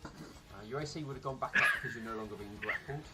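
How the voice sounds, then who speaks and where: A man's voice: mid-range voice, very fast. A man running a tabletop game as game master, talking casually through the rules. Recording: music clearly audible behind the voice.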